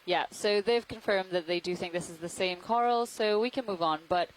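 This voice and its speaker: A woman giving live, thoughtful commentary with frequent ums as science narrator on a deep-sea livestream. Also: brisk, slight background noise, rough recording.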